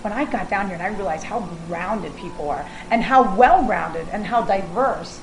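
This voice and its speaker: An American woman talks in a chatty, promotional interview manner. She is effusive and emphatic, with a middling pitch. The room is echoey, with faint noise around her. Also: animated, normal speed. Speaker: culinary consultant and caterer being interviewed.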